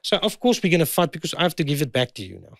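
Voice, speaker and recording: A man's voice: a little high, sing-song, very fast, dry recording. South african guy in his 50s, talks up and down a lot, keeps repeating himself, dry close sound. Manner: emphatic, repeats his points. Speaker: guest. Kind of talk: heated conversation.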